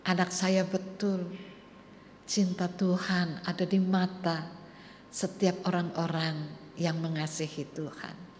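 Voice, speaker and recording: A woman voicing a frail, lonely old grandfather who speaks softly and wearily. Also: on the low side, level tone, slow pace, pauses often, a little hiss or hum. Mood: tender. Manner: soft, plaintive and weary. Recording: echoey church hall.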